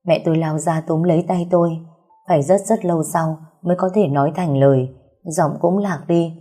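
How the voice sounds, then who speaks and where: A woman narrating a first-person romance story in a soft, measured reading. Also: sits low, fairly even intonation, breathy edge. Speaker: audiobook narrator. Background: faint background music.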